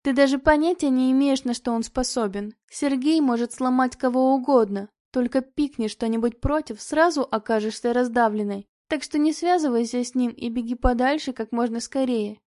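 A woman's voice: high-pitched, normal speed, hardly any pauses, warm tone, close to an everyday voice. A woman voicing a jealous, hissing rival, Marina. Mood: threatening. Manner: sneering, threatening.

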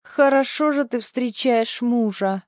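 A woman voicing a cowardly, sneering ex-husband in an audiobook, with a drawn-out mocking delivery. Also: on the high side, a little mellow, no echo, clean studio sound, natural voice. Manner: drawling, sneering.

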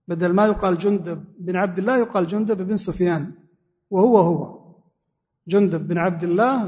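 High-voiced sheikh teaching in a reverberant mosque. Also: male voice, darkish tone. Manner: explains word by word, repeats key phrases. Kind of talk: religious lesson explaining a hadith text. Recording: long reverb of a mosque hall.

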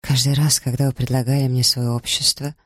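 A man's voice: mid-range voice, level tone, fairly quick, a bit bright, dry recording, clean studio sound, lightly acted. A man reading a wounded, furious young noblewoman in an audiobook, with accusing outbursts. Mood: horrified.

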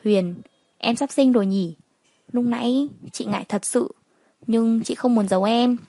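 A woman's voice: fairly high pitch, a little slow, mellow, no echo. A woman playing a hesitant, apologetic rival.

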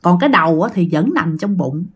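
A woman's voice: fairly low pitch, animated, a little fast, breathy edge. A woman telling a ghost story in a chatty way, often addressing her listeners.

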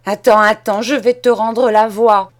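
A woman reading aloud and voicing a greedy, harsh old woman who scolds a boy in sharp, shrill outbursts. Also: expressive, unhurried, close to an everyday voice. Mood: scolding angry. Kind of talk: audiobook character reading.

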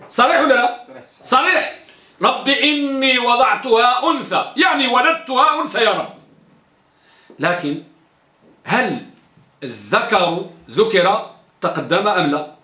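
A man's voice: extremely high pitch, animated, moderate pace, long pauses, bright, forceful tone, echoey room. A man teaching a grammar lesson to a class, who asks his students questions and repeats the key terms.

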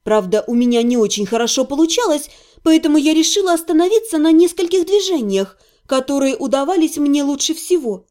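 A woman narrating a novel aloud in a lively, expressive way. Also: high-pitched, a little fast, few pauses. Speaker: audiobook narrator.

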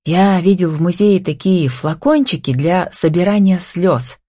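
A confident, wealthy businessman talks in a lazy, playful drawl, teasing and giving orders, as a woman reading an audiobook voices him. Her voice sits low, and the recording is dry and close with no room sound. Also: lively intonation, a little slow, dark tone, dry recording.

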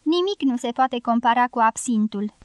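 A calm, good-humoured foreign fighter who muses quietly, voiced by a woman. The voice stays high. The recording is dry and close. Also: no room sound, lightly acted.

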